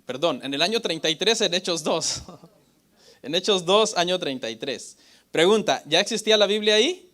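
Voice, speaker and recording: A male pastor teaching a Bible lesson with a bright, forceful voice that sits a little high for a man. He keeps putting questions to his listeners and answers them himself, tagging his points with "ok?" and "brother". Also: lively intonation, normal speed. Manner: often adds "hermano" and "ok?".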